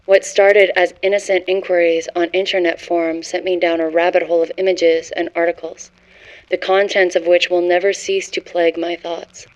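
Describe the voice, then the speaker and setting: A woman's voice: on the low side, flat delivery, moderate pace, lightly acted, poor audio. A woman narrating a scripted horror story as a haunted scholar, in a grave, literary first-person manner. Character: haunted scholar confessing forbidden cosmic horror discovery.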